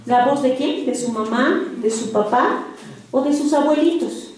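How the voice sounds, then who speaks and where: A woman preacher with a very high voice teaches a congregation in an interactive sermon, checking in with short questions at a measured pace. The mic sits well back in a very echoey hall, and a little hiss or hum is audible.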